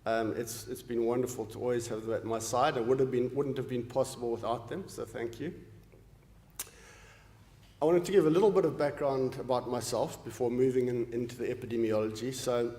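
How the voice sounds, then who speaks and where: A man in his late forties from Zimbabwe delivers a formal lecture in an earnest way, pausing on ums and restarting his phrases. His voice sits at an ordinary middle pitch. The sound is roomy, with a long reverb from a large hall. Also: steady tone, dark tone. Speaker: professor giving an inaugural lecture.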